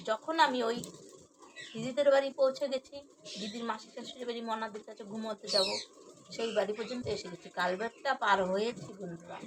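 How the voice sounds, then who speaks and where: A woman's voice: fairly high pitch, background noise. A woman casually telling a true ghost story to her viewers, rambling and repeating herself, often addressing them as friends.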